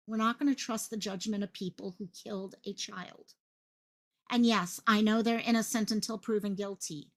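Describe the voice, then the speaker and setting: A woman with a mid-range voice runs her own online channel and speaks with passion in livestream commentary, repeating phrases for emphasis and projecting her voice like a stage performer.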